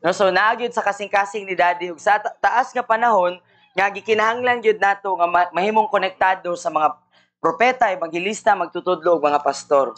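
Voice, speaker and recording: A woman's voice: medium pitch, fairly quick. A woman interpreting a sermon live, rendering each phrase fluently and answering with frequent amens.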